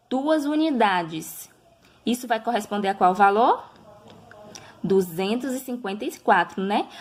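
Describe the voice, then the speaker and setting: A woman, a primary school teacher recording a review lesson for children, talking slowly and patiently, drawing out example words and often checking in with her listeners. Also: medium pitch.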